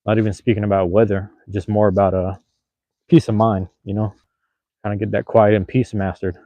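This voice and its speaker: His voice is low, mellow, and level, moving briskly, captured without echo but muffled. He's a man livestreaming by phone camera outside in light rain, chatting with viewers in a laid-back, slangy, rambling way and repeating himself.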